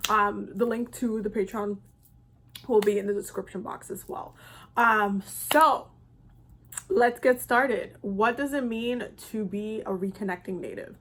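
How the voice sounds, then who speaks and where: A young woman from the Dominican Republic, a spiritual content creator, speaks casually to her viewers in a medium-pitched, fairly bright voice at an unhurried pace. Her vlog talk is loose and rambling, full of ums, fillers and restarts.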